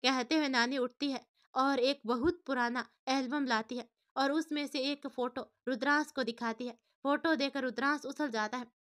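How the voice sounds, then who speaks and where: A woman storyteller reads a family drama aloud. Her voice is high and bright, and her reading is steady and expressive. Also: normal speed. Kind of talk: scripted story narration.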